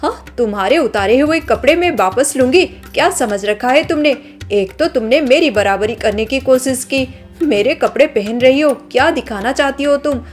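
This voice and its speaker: Speaking high and with lively intonation, a woman voices a spoiled, arrogant daughter of a wealthy family, scolding and sneering in a storybook drama. She talks at normal speed with few pauses, faint music playing behind her.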